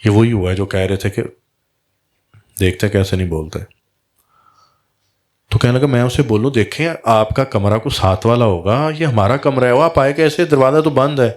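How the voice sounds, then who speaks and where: A man's voice: medium pitch, long pauses. A man, a Sufi spiritual guide, telling a story in a religious talk and acting out the dialogue in quoted voices.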